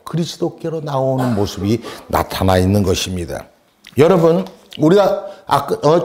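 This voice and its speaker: A man's voice: medium pitch, warm tone. Emphatic male pastor preaching. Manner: emphatic, rhetorical questions, tag asides. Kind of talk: sermon.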